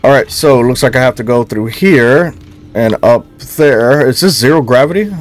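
An excitable man talking through a horror game for his viewers, with a voice of middling pitch. He exclaims often and talks straight to the audience. Faint game music runs behind him. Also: normal speed. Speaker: gaming streamer. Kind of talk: casual let's-play commentary.

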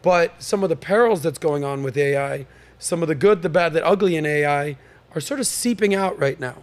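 Hosting a laid-back podcast panel, a man from the United States jokes around cheerfully, stumbling through fillers and restarts. He talks briskly in a slightly high voice.

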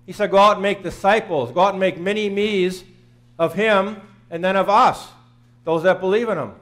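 A man's voice: high-pitched, steady tone, normal speed, fairly bright tone. A man in his fifties preaching a sermon in a small church, earnest and plain-spoken, repeating phrases for emphasis. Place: small church sanctuary, in front of the altar.

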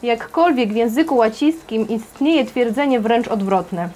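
A stern father who lectures in a pompous, solemn way, as a woman narrator puts him on. He speaks a little higher than a typical man. This is a storybook read aloud. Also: unhurried, darkish tone. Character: stern, wordy father of girls.

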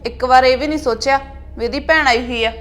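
A sulky young daughter-in-law with a Punjabi accent, defensive and complaining. Her voice sits high and stays aggrieved. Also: fast, fairly bright tone. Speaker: wife.

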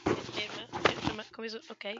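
A young woman streaming live, chatting casually and thanking subscribers, with a hoarse, tired voice. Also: medium pitch, monotone, slow pace, dull audio, heavy background noise. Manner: chatty, playful, swears casually. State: hoarse, losing her voice. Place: corner of a hotel room, people nearby. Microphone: desk mic, no headphones.

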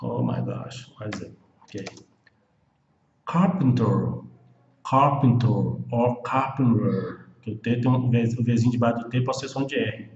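A man from Brazil teaching English pronunciation, slowly repeating each word many times. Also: mid-range voice, a little mellow, a little hiss or hum. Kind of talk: pronunciation lesson. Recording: dull echoey room, long reverb.

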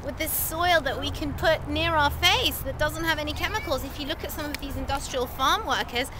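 A woman's voice: sits high, a little fast, music in the background. A woman in her forties hosting a casual vlog at a farm, talking enthusiastically to a camera held at arm's length. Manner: enthusiastic, effusive. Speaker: vlog host. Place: outdoors on a busy farm. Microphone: handheld camera at arm's length. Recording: noisy outdoor camera audio with crowd. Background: crowd chatter and outdoor noise.

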